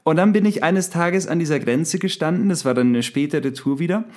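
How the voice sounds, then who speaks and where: A man's voice: fairly high pitch, expressive, fairly quick, a little mellow. A man and musician telling a personal anecdote in a casual, reflective way, speaking directly to the listener. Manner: conversational, addresses the listener directly. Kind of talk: casual spoken storytelling with reflection.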